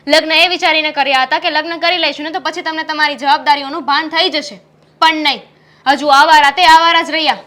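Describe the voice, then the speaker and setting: A woman's voice: high voice, steady tone, fast, bright, forceful tone. A young woman playing a frustrated pregnant wife who scolds her husband in a family drama. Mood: scolding. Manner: scolding, reproachful.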